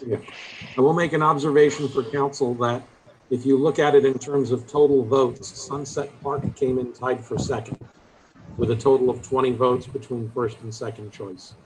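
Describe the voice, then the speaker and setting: A man running items at a city council meeting, speaking in a measured, procedural way. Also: mid-range voice, steady tone, slight background noise, rough recording.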